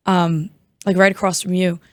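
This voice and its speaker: Hoarse young woman, chatty New Yorker. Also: lowish voice, little pitch movement, normal speed, no room sound. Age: 20s. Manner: chatty, many "like" fillers. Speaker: guest. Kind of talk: casual chat.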